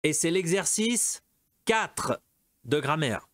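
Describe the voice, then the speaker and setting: Slow, patient male French teacher. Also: on the high side, animated, fairly bright tone, dry recording, studio quality. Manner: switches between French and Portuguese explanations. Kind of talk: recorded language lesson.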